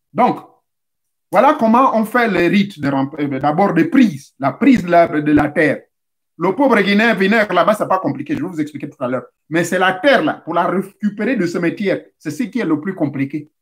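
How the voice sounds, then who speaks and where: High-voiced man teaching a spiritual rite. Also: animated, moderate pace. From Central Africa. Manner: didactic, addresses listeners directly, repeats steps. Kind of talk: instructional talk.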